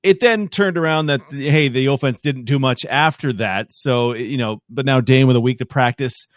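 A man talking football as a guest analyst on a radio show, in a quick, animated, chatty way. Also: medium pitch, dry recording, clean studio sound. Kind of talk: casual sports talk.

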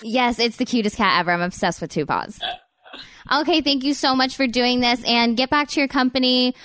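A woman's voice: on the high side, a little fast, fairly bright tone. A woman hosting a podcast in a casual, eager and chatty way. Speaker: podcast host.

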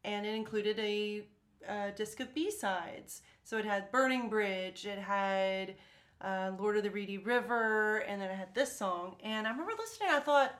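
A woman with an American accent in a casual music discussion, talking in an animated way. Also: medium pitch, moderate pace. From United States. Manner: animated, breaks into sung syllables to illustrate. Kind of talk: casual chat about folk music.

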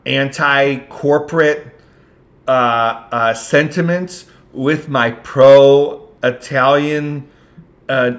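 A man's voice: medium pitch, a bit bright. A man co-hosting a podcast in casual chat, playful and laughing often, with lots of ums and restarts. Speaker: podcast co-host.

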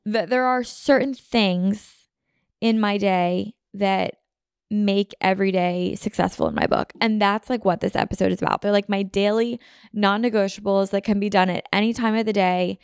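A young American podcast host from the Philadelphia suburbs rambles casually in her apartment, saying "like" constantly and interrupting herself, a little sniffly from a runny nose. Her voice is medium-pitched, gravelly and steady at a moderate pace. The podcast mic on video gives a clean, dry studio sound with no room sound.

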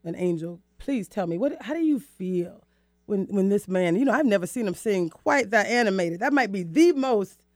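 A woman hosting a talk show, lively and laughing often as she asks questions. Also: mid-range voice, moderate pace, no echo, studio quality. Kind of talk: casual interview.

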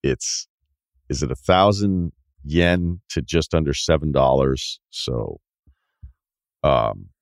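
A man's voice: rumbling low, lively intonation, slow pace, gravelly, pauses often, no room sound, studio quality. A man hosting a sports podcast, chatting casually and reading out listener emails.

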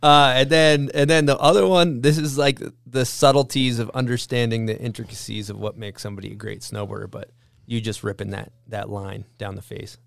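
A man's voice: mid-range voice, level tone, fairly quick, vocal fry, dry recording. A man interviewing a guest as a podcast host, in casual chat full of snowboarder slang.

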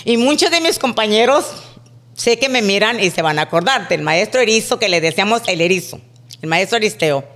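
A woman's voice: medium pitch, a little fast. A middle-aged woman, a podcast guest telling childhood stories casually and acting out the dialogue. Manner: animated, acts out quoted dialogue. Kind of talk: casual storytelling.

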